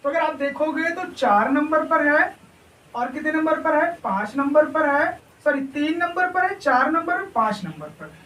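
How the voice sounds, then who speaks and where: High-voiced male teacher in an echoey room. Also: expressive, normal speed, sharp tone, a little hiss or hum. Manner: asks rhetorical questions and answers them himself; checks in often with the class. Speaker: chemistry teacher. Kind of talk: classroom lecture at a whiteboard. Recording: echoey room, voice far from mic.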